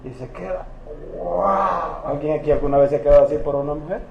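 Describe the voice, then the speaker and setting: A man's voice: fairly high pitch, fairly quick, creaky, muffled recording, heavy background noise. A man preaching a sermon as pastor, retelling biblical stories with humor and acting out the characters. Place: church. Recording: echoey church hall.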